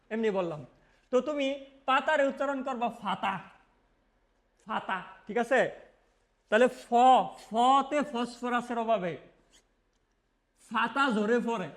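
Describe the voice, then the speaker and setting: A male biology teacher, lecturing and answering his own questions while repeating key terms. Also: high voice. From Mymensingh, Bangladesh. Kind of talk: classroom lecture.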